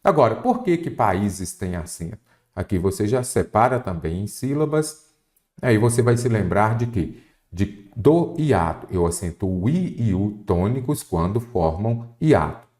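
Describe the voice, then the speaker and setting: A man's voice: fairly low pitch, sing-song, unhurried, darkish tone. A Brazilian man teaching a Portuguese exam-prep lesson, explaining step by step and asking the viewer questions. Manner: didactic, asks the viewer questions.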